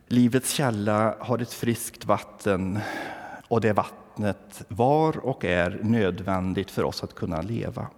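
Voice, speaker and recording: A man's voice: lowish voice, vocal fry, a little mellow, big-room sound. A man from southern Värmland preaching a humorous sermon, telling stories with a wry touch and asking the congregation questions. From southern Värmland, Sweden. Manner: wry storytelling, asks the congregation. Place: church.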